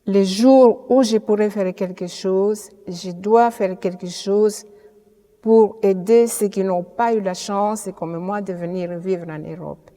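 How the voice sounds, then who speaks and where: Older Congolese-born woman, unhurried and earnest, warm low tone, long reverb around her. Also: steady tone. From Congo (DRC). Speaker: witness giving testimony. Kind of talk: personal testimony.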